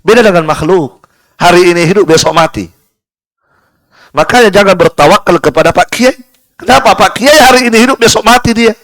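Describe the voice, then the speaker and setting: Lively preacher man with high voice. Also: no echo. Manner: lively and rhetorical, keeps asking the room "kenapa?" and answering himself; recites Arabic verses in a slow chant. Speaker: ustadz teaching Quran exegesis. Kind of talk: live sermon-style study class. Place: prayer room.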